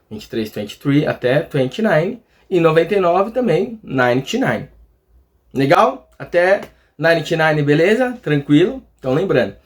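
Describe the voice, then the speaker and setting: A man with a Brazilian accent teaching a casual lesson, chatty, checking in often with his listeners. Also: on the high side. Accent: Brazilian Portuguese. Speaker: English teacher.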